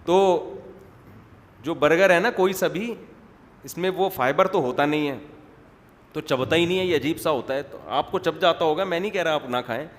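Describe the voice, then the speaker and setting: A man's voice: fairly high pitch, pauses often. A man preaching in a humorous religious lecture, wandering off the topic and acting out quotes. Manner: digressive, joking, acts out quotes. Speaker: Islamic preacher. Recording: reverberant hall, faint background noise.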